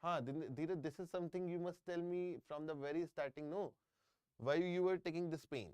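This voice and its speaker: His voice on the high side, a little mellow and clean in tone, a middle-aged Indian English-accented tutor moves briskly through a live online engineering exam class. He repeats himself frequently and checks in with students. The close-mic recording is dry.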